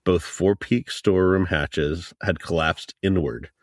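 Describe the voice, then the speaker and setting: Very deep-voiced male podcast co-host. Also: unhurried, no room sound, studio quality. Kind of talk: reading a report aloud, casual chat.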